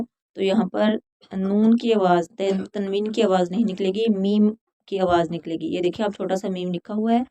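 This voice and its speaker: A woman teaching Quran recitation rules, chanting verses slowly and then explaining each letter in plain talk. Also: mid-range voice, dark tone. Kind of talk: recitation and tajweed instruction.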